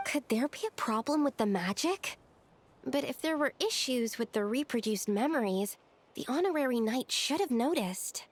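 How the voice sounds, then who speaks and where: A woman's voice: high-pitched, lively intonation, normal speed. An actress playing a polite, concerned young female character in fantasy game dialogue.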